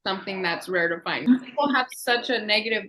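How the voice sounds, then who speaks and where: A woman's voice: medium pitch, brisk, background noise. A young woman co-hosting a vlog, chatting casually and in slang with a friend. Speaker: vlog co-host. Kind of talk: casual chat Q&A between friends.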